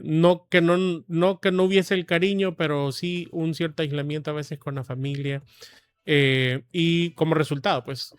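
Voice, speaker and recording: A man in his forties from El Salvador, a guest telling his life story in a measured, reflective way with frequent pauses. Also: a little high. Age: 40s. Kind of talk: testimony interview.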